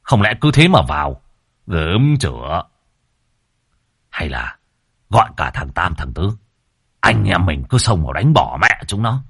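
A man's voice: deep voice, sing-song, unhurried, gravelly, pauses often, a bit bright, husky, dry recording, clean studio sound, heavily acted. A man voicing a cheeky, brash male disciple of an exorcist. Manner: teasing, brash. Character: cheeky eager male disciple, rough-talking.

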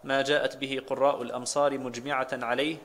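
Flat-voiced man reading a religious text. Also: mid-range voice, fast talker. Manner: steady recitation of quotes and chains of names. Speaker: student reading the text aloud.

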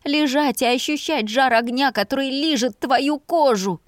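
Anguished young woman , voiced by a woman reader, sobbing and accusing, pitched higher than the narration. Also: normal speed, no room sound, studio quality, lightly acted.

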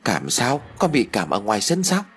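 A man's voice: medium pitch, wildly swooping pitch, moderate pace, breathy edge. A man voicing a frightened young village man who stammers in confusion. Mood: shaken.

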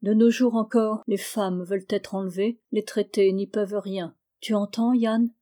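A woman narrating a literary novel as an audiobook. Her voice is mellow and warm, with a middle pitch. She reads in a calm, measured way. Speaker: audiobook reader.

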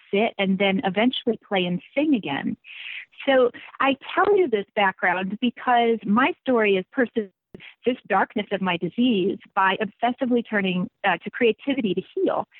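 A woman's voice: medium pitch, husky. A woman in her forties, an interview guest telling her personal story in a prepared way over the phone. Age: 40s. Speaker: interview guest, author and musician. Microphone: telephone. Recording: tinny, echoey phone line.

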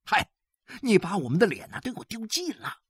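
A scornful young son from a story sneers in a quick, lower voice, as a woman reader puts him on. The sound is dry and close. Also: huge pitch swings, slightly rough, no room sound, heavily acted. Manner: contemptuous, quick.

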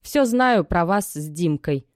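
A woman's voice: on the low side, lively intonation, slow pace, a little mellow, no echo. A woman reading an audiobook and voicing a desperate young mother whose dry, cracked voice trembles as she pleads and reproaches. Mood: tearful, reproachful. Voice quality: dry, cracked, tear-worn voice. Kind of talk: audiobook character voice.

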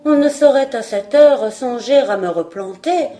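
A woman's voice: on the high side, unhurried, mellow, pitched above the performer's own voice, close to an everyday voice. A woman reading a wistful proud fir tree. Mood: musing. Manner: wistful, self-assured musing. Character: proud nostalgic young male fir tree.

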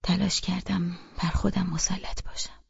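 A woman reading a novel aloud in first person, in a hushed, half-whispered voice. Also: lowish voice, little pitch movement, gravelly, husky, no echo, muffled recording. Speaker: audiobook narrator.

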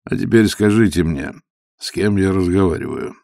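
A man voicing a dignified elderly retired rear admiral who speaks quietly and with calm composure. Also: low-pitched, normal speed, gravelly, no echo, studio quality.

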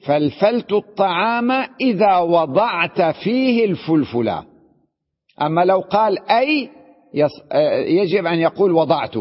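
A sheikh teaches an Arabic grammar class, explaining patiently and frequently making sure his students are following. His voice is a little high, and the lo-fi recording has a big-room sound.

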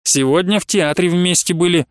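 A man voicing a boisterous, jolly young merchant who teases his friend in a loud, hearty way. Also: high voice, normal speed, clear, resonant tone, dry recording, studio quality, close to an everyday voice. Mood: jovial teasing.

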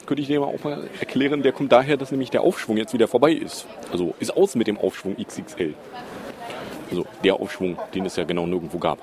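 A man hosting his own podcast, rambling casually and sarcastically with many fillers. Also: on the low side. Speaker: podcast host. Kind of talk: casual solo podcast commentary.

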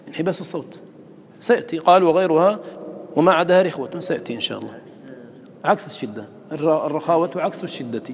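A man leads a recitation lesson with a fairly high voice, pausing to quiz his students and drawing out each letter sound. His voice rings through a big hall with a long echo, over a faint background hiss. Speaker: teacher of Quran recitation. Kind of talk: classroom lesson.

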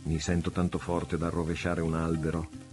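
Male reader voicing a brooding pirate lord, fervent and torn, deep even tone, soft music behind, storybook. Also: moderate pace, natural voice. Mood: eager. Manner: fervent, desperate outbursts. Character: passionate tormented male pirate chief, the Tiger of Malaysia.

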